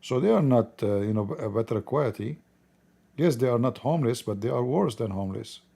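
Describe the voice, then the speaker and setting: A man with an Arabic accent, a native Arabic speaker, giving blunt, informal political commentary in halting, repetitive non-native English. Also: medium pitch, animated, gravelly, mellow, breathy edge. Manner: blunt, opinionated.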